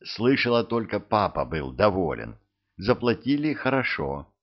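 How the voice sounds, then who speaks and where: A man voicing an indignant young woman thief, lifting his voice high and chattering in an audiobook reading. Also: a little slow. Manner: raised, lively girlish voice. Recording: dull lo-fi recording.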